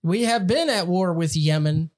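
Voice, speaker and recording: A man's voice: sits high, lively intonation, moderate pace. A man co-hosting a podcast, reading out news items and adding sardonic remarks in casual political commentary. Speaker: podcast co-host.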